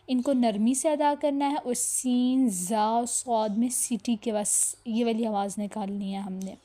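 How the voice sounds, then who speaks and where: A woman teaching tajweed in a recorded online lesson, explaining step by step, checking in often, and sounding out single letters slowly for practice. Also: a little high, dark tone. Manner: explains step by step and checks in with "theek hai" between points.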